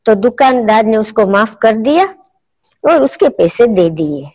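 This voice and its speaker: A middle-aged woman doctor giving a spiritual health talk over a video call, calmly telling case stories and acting out the quoted lines. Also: a little high, unhurried, low-quality recording. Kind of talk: slow storytelling talk.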